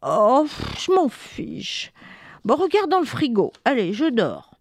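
Drowsy careless mother, grumbly and offhand, bit high, woman storyteller doing her. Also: huge pitch swings, takes it slowly, no room sound, studio quality, heavily acted. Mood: sleepy careless. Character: lazy, sleepy mother who couldn't care less. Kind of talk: children's story voices.

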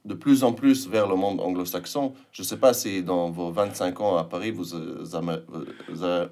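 Man, interviewer, considered questions, slightly low voice. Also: normal speed, a little mellow. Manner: thoughtful, builds questions step by step.

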